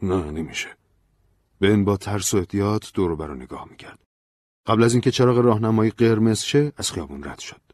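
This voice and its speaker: A man calmly reading a story aloud, narrating in measured tones. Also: fairly low pitch, no room sound, studio quality.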